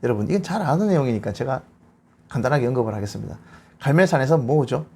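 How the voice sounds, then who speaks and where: A man giving a bible lecture, retelling scripture as a lively story and acting out the quotes. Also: mid-range voice, fast talker, gravelly, slight background noise.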